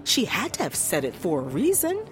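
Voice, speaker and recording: A woman's voice: medium pitch, huge pitch swings, moderate pace, soft background music. An actress playing a suspicious female homeowner with a questioning, exasperated manner in an audio drama.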